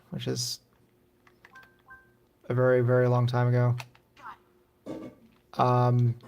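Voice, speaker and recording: A man's voice: medium pitch, creaky. A middle-aged man live-streaming retro games, rambling offhand and swearing casually as he plays. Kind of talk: casual gaming commentary.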